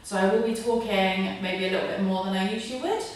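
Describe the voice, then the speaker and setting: A woman's voice: medium pitch, fast. A woman teaching a yoga breathing tutorial, giving informal step-by-step spoken instructions. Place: echoey room, mic at a distance. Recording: very echoey room, distant mic, faint noise.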